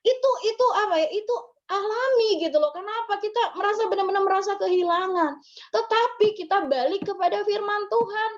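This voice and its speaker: A woman's voice: very high-pitched, brisk, dull audio. A woman pastor giving a conversational memorial sermon, often ending her phrases with little tag words. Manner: conversational, tags phrases with ya and gitu.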